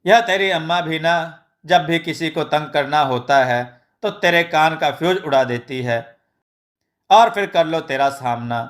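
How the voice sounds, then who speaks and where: A man voicing a sharp-tongued village mother who scolds and mocks. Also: on the high side, measured pace. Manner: scolding and sarcastic.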